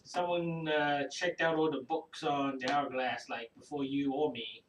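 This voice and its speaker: A man's voice: mid-range voice, fairly even intonation, a little slow. A man playing a tabletop game, talking in a casual, offhand way. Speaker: player. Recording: roomy, distant mic, faint noise.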